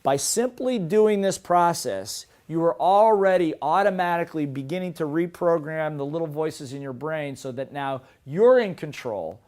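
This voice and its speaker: A man's voice: fairly high pitch, lively intonation, moderate pace, few pauses, darkish tone. A middle-aged man giving a motivational seminar talk with lots of energy, asking his listeners rhetorical questions. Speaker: seminar presenter.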